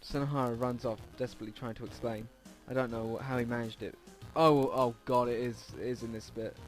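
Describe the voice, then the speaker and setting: Brisk and steady in tone, this medium-pitched male voice reads a visual novel informally for a let's play, sometimes stumbling and adding offhand comments. Game music runs underneath.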